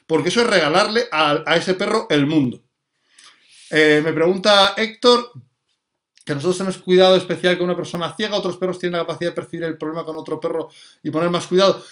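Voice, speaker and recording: High-voiced man explaining. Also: quick pace, a bit bright. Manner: explanatory, often checks in with "vale" and "sabes". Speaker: dog trainer answering viewer questions. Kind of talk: live explanatory talk.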